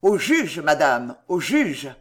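A man voicing a stern magistrate confronting his wife, calm and cutting in a storybook reading. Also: high voice, a little slow, full character voice. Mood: cold. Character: cold stern magistrate husband.

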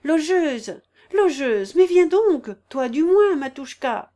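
A woman's voice: medium pitch, lively intonation, normal speed, a little mellow, close to an everyday voice. A woman voicing an imperious aging noblewoman who scolds and gives orders in a raised, emphatic voice. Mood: urgent, commanding.

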